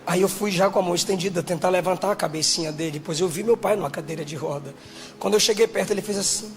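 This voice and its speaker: A man, a pastor, preaching a sermon, shouting and half-singing his appeals and then telling stories quietly. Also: high-pitched, fast talker. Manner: shouts and half-sings exhortations, then drops to quiet storytelling. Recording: music playing behind the voice.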